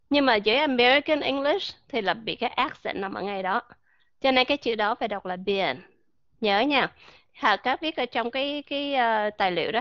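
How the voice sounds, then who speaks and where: A woman teaching English pronunciation in a live online class, encouraging and slowly repeating words as drills. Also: a little high, no echo, dull audio. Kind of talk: live online voice-chat lesson.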